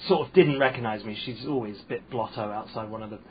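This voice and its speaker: A man's voice: fairly low pitch, fast, a little hiss or hum. A man with a posh English accent, a comedian chatting on a podcast, rambling and hesitant with frequent fillers. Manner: rambling, hesitant, self-deprecating. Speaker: comedian guest. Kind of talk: casual podcast interview. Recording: muffled lo-fi sound.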